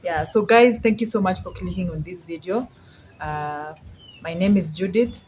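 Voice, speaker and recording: A woman's voice: fairly low pitch, moderate pace, a little mellow, slight background noise. A woman with a Kenyan accent hosting a casual video chat, feeling her way through her phrases. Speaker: channel host.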